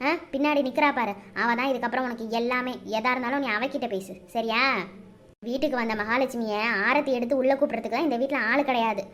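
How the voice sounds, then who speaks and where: A woman's voice: fairly high pitch, fairly even intonation, fast talker, voice pushed down, natural voice. A woman voicing a domineering older mother-in-law in a cartoon, scolding and giving orders with a Kanyakumari Tamil accent. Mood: bossy. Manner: scolding, commanding.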